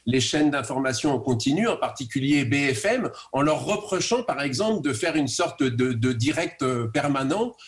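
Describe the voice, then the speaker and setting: A man speaking as a guest in a studio radio debate, halting and repeating words as he builds his point. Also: mid-range voice, animated.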